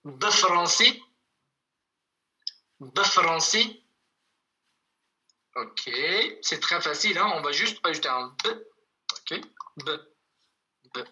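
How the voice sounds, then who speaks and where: Online language teacher, unhurried, piercingly bright timbre, patient repetition. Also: mid-range voice, lively intonation, poor audio. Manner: patient, repeats words slowly for students. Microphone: video call.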